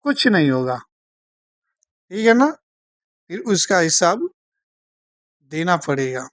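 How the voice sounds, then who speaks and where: A woman teaching a Bible study, speaking slowly and checking in with her listeners after almost every point. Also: fairly low pitch, very animated, no room sound, clean studio sound. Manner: slow, keeps asking "theek hai na?".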